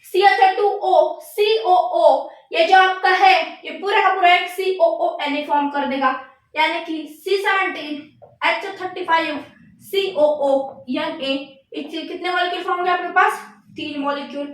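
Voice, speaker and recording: A woman chemistry teacher lecturing a class, asking questions and repeating the answers slowly, mixing in English terms. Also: very high voice, steady tone, fairly bright tone. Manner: mixes Hindi with English terms. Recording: echoey room, voice from far off.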